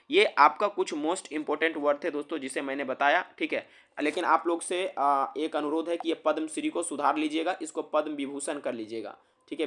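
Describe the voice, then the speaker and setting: Male tutor, a touch high, chatty lesson delivery, quizzing the viewers. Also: a bit bright. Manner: repeats questions to viewers, many fillers. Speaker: vocabulary teacher. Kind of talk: casual explaining lesson.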